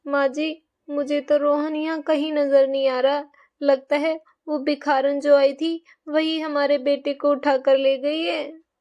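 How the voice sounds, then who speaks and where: A woman's voice: high-pitched, little pitch movement, unhurried, highs cut off. A woman voicing a distraught young mother who wails for her lost child. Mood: worried. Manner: wailing.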